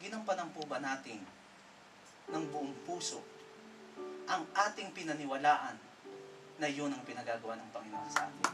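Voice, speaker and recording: Pastor guy preaching on stage, kinda high voice, guitar playing behind, a bit far from the mic. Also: normal speed, pauses often. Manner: dramatic storytelling, swings from loud exclamations to hushed lines. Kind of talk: stage sermon in Taglish. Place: stage before an audience.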